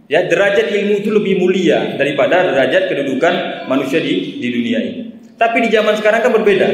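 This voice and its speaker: Man preaching in an echoey hall. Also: on the high side. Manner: storytelling, rhetorical questions, frequent "ya" tags. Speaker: religious teacher. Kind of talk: sermon.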